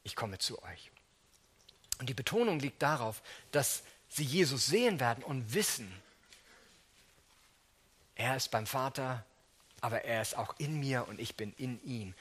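A man preaching a sermon, acting out quoted speech with big swings in pitch and loudness. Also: slightly rough.

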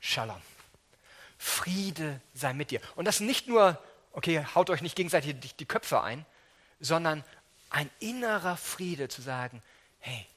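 A man preaching in a church, his voice husky and a touch breathy, pitched a bit higher than most men. He talks freely and animatedly, jumping up in pitch and volume when he acts out quoted speech, then dropping low and quiet again. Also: lively intonation, a little slow. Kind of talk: sermon.

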